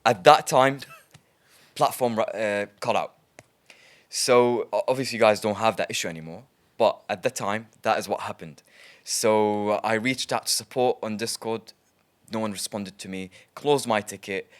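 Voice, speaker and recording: A man, a trader guest, telling stories in a casual interview in a chatty, lively way, with frequent ums. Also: on the low side, normal speed.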